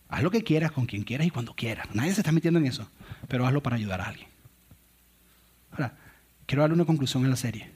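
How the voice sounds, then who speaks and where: A man in his thirties preaching a sermon, telling stories with lively swings from loud, excited passages to quiet, hushed ones. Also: mid-range voice, slightly rough. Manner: animated storytelling, swings between loud and hushed. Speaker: pastor. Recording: guitar music playing underneath.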